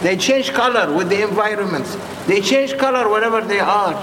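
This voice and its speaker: A man who is a non-native English speaker preaching informally in short, halting, repeated phrases and putting questions to his listeners. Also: high-pitched. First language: not English. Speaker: Sufi preacher addressing followers. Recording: echoey reverberant hall with clear background noise.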